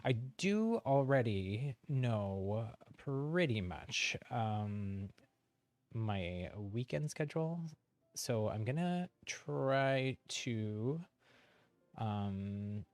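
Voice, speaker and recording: Speaking very slowly in a sing-song way, this channel host's mid-range, darkish voice rambles to his livestream audience, breaking into frequent giggles mid-sentence. The recording has no room sound.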